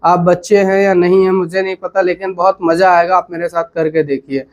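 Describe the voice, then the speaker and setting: A coaxing, insistent middle-aged woman, voiced by a man in his own voice. The voice sits high, and her manner is persuasive and pushy. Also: little pitch movement, fairly quick, lightly acted.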